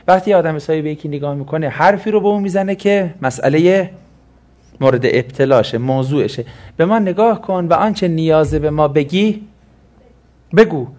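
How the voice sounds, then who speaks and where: A man with a slightly higher than usual, somewhat mellow voice teaches a lesson on Quranic exegesis. He explains step by step, often posing a question and then answering it himself.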